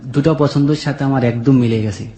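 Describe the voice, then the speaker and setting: Speaking at a brisk clip in a medium-pitched, dark voice, a young man with a colloquial Bangladeshi accent shares his life story as a guest. He relays what was said in quoted turns, casually and conversationally, in an echoey recording.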